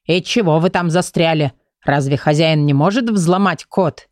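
A woman's voice: deep voice, moderate pace, a little mellow, no room sound, studio quality, lightly acted. A woman voicing a grumpy, know-it-all male magic book who grumbles in an audiobook. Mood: grumbling. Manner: grumbling, told-you-so. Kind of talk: audiobook character voice.

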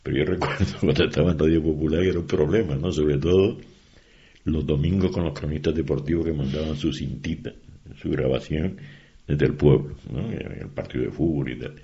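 An older man talks in a very deep, gravelly voice. He is an animated storyteller who acts out the people he quotes, and the recording sounds dull and lo-fi. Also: a little fast. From Canary Islands. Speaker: interviewee. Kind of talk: conversational interview.

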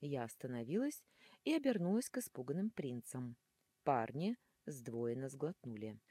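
A woman narrates a first-person fantasy audiobook in a low, dark, husky voice. Her delivery is animated and dramatic, with wide swings in pitch. The recording is close and dry. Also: moderate pace, dry recording. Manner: animated, dramatic, shifting into hissing whispers.

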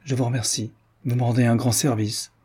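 A cool, reserved young aristocratic wife in a period story, voiced by a man reading aloud. She keeps her answers short and clipped. The voice stays dark and breathy. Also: medium pitch, flat delivery, brisk.

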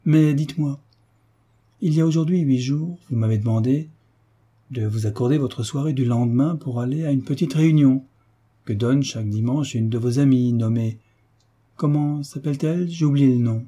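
A man's voice: mid-range voice, normal speed, mellow, husky, lightly acted. A man voicing a cool, commanding young heiress in an audiobook, giving firm, clipped orders. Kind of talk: audiobook character reading.

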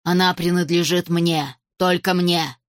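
A woman's voice: on the low side, steady tone, no echo, studio quality, lightly acted. Woman doing a gloating undead old crone. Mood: gloating triumph. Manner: slow, hissing and gloating. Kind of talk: audiobook character voice.

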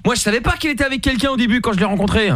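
A man making a radio prank call, provoking the other person with mock calm. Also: very high voice, very fast. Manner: mocking, provocative, falsely calm.

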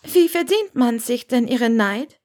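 A woman voicing a bold, defiant young witch, with a high, bright, teasing delivery. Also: animated, measured pace.

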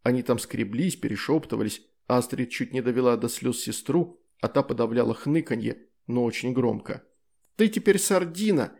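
A man narrating a fantasy story as an audiobook reader in a lively, character-driven way. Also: mid-range voice, moderate pace, creaky, hardly any pauses.

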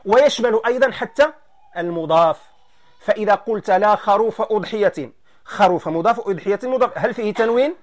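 Man, Moroccan Arabic accent, grammar teacher, high voice, slow explaining, quizzes the class. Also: lively intonation. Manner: explains slowly, quizzing students.

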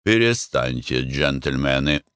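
A man voicing a cool, worldly middle-aged army captain who speaks quietly and calmly. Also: very deep voice, no room sound, clean studio sound, exaggerated voice. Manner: quiet, calm, measured.

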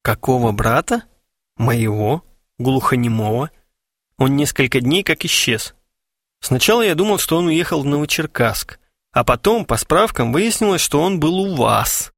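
A man's voice: mid-range voice, animated, moderate pace, fairly bright tone, no room sound. A man voicing a gloomy shaven man who plays a grieving brother with mournful, theatrical sighs, in an audiobook. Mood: brooding suspicion. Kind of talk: audiobook character voice.

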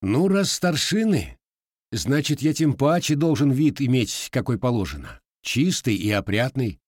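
A man's voice: medium pitch, big pitch swings, a little slow, darkish tone, no room sound, studio quality, voice pushed up. A man doing a blunt, proud Cossack blacksmith. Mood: stern. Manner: curt, contemptuous.

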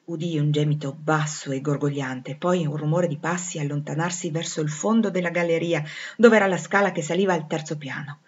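A woman reading a classic novel aloud with drama, dropping almost to a whisper at tense moments. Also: low-pitched. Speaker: audiobook reader. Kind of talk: expressive literary reading. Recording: slightly dull lo-fi recording.

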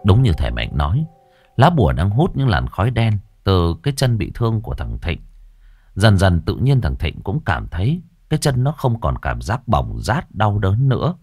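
A man narrating a ghost story in a dramatic, expressive way. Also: fairly low pitch, moderate pace, breathy edge, no room sound, studio quality, faint music behind.

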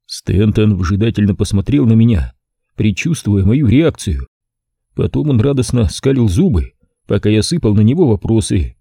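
A male audiobook narrator telling the story in first person with a wry, dry touch. His voice is warm and husky, and his intonation rises and falls a lot. The recording is dry and close. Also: on the low side, sing-song, moderate pace, no room sound.

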